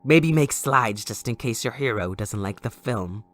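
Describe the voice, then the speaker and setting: A performer gives theatrical voice to a gleeful, sadistic supervillain kidnapper in an audio roleplay, mocking and possessive toward the captive listener. The mid-range, expressive delivery is a little slow and lightly acted, giggling and swooping between croon and shriek.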